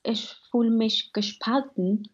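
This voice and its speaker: A woman's voice: fairly high pitch, slow, breathy edge. Earnest woman from Afghanistan, muffled sound. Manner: earnest, reflective. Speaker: studio guest. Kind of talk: radio interview.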